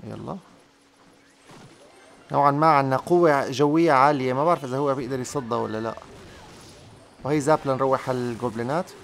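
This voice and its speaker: Gravelly, fast-talking man gaming. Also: medium pitch, a little hiss or hum. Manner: excitable, urges on his troops, repeats words. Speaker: gaming YouTuber. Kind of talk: live gameplay commentary.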